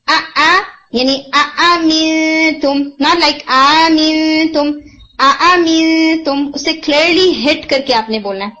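A woman's voice: sits high, pushed and bright. A woman teaching Arabic pronunciation, patiently explaining and demonstrating the sounds in a mixed-language online lesson. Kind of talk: online lesson, Hindi-Urdu mixed with English. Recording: dull, muffled lo-fi audio.

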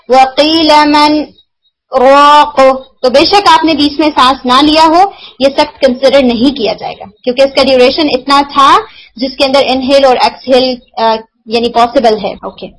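A woman teaching the rules of Quran recitation, explaining patiently and answering her own questions as she slows down to demonstrate sounds. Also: high-pitched, low-quality recording. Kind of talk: explanatory lesson.

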